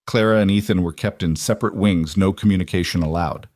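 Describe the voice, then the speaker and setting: Low-voiced man narrating a story. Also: fast, a little mellow, no echo, studio quality.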